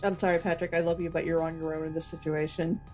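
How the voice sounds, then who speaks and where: A woman's voice: low-pitched, flat delivery, quick pace, darkish tone, soft background music. A woman co-hosting a podcast in casual, joking chat, often repeating the starts of her words. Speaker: podcast co-host.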